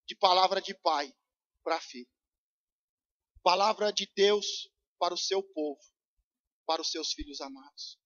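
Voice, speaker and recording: Pastor, male, são paulo brazilian accent, high-pitched, fiery sermon, shouts then drops low, dull lo-fi church recording. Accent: Brazilian Portuguese, São Paulo. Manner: shouting urgent pleas, then dropping to low intense tones. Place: church service.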